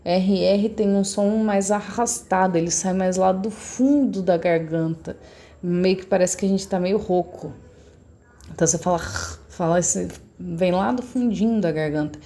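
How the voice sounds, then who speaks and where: A woman teacher, talking young pupils through a recorded lesson. Her voice is mellow and a little gravelly, and she explains each step patiently. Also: fairly low pitch, unhurried. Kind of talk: recorded remote class lesson.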